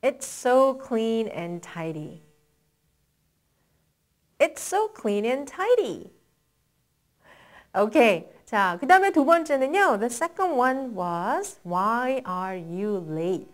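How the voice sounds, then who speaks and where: A woman teaches English expressions in a language lesson. Her voice sits a little high and swings widely in pitch. Her pace is very slow, with deliberate drill repetitions between short explanations. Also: big pitch swings. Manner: switches between quick Korean explanation and slow, deliberate English model phrases.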